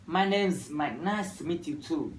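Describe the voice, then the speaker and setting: A Vietnamese university student in his twenties speaks rehearsed English in a fairly high, expressive male voice. He is practicing a scripted classroom dialogue, measured and rehearsed, with "uh" fillers. The room is echoey, the mic is far off, and there is faint noise.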